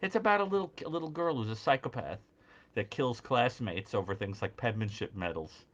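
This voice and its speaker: A man co-hosting a casual call-in show, telling animated stories and laughing at his own jokes. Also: mid-range voice, a little fast, muffled recording. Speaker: podcast co-host.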